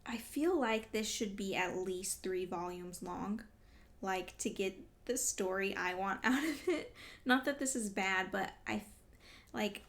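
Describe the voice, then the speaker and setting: A woman with a mid-range, slightly bright voice speaks at a measured pace. She's a vlogger reacting casually as she reads along, exclamatory and emotionally invested.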